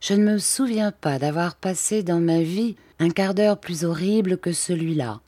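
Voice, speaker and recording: Low, dark-voiced woman reading a classic novel. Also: no room sound, clean studio sound. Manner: measured, literary reading. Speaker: audiobook narrator. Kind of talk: scripted narration of a classic novel.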